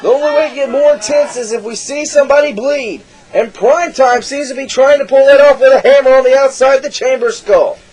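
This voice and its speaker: A man calling a wrestling match play-by-play, excitable and shouting at big moves, losing his voice. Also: very high-pitched, fairly quick, few pauses, rough recording. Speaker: wrestling commentator.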